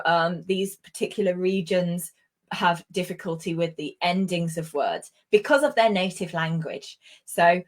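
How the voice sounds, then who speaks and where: A woman from Britain teaching English pronunciation over a video call, praising and correcting slowly. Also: lowish voice. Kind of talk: online speaking lesson.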